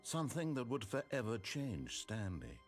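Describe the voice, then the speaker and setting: A man voicing a wry, omniscient storybook narrator, measured and dry, over game music. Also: mid-range voice, huge pitch swings. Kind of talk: scripted narration.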